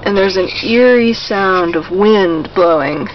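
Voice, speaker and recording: Quiet, slow, high-voiced man at night. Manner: quiet, subdued late-night talking. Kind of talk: casual personal monologue. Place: inside a parked car at night. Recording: dull, noisy handheld recording in car.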